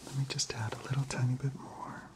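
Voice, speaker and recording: A middle-aged man in a whispered role-play as a gentle, reassuring chemist, speaking in a soft, soothing spa whisper. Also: medium pitch, little pitch movement, quick pace. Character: gentle, reassuring male chemist tending to a client. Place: indoor studio set.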